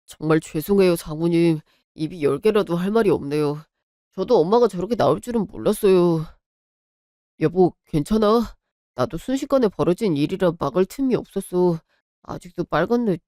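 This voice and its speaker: A woman's voice: lowish voice, lively intonation, normal speed, mellow, dry recording, studio quality, close to an everyday voice. A woman voicing a young husband in a radio drama, pleading and apologetic toward his wife and her mother.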